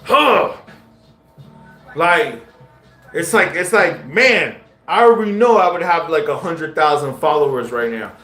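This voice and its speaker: A man's voice: on the high side, lively intonation, moderate pace, bright, forceful tone. A man live-streaming casual commentary, talking in slang straight to his viewers. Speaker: livestreamer. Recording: roomy echo with faint music.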